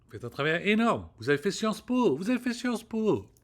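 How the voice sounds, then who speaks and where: A man's voice: sits high, big pitch swings, fairly quick. A man ranting in a casual monologue, rambling and profane, often restarting his words. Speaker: vlogger. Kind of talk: casual spoken rant to camera.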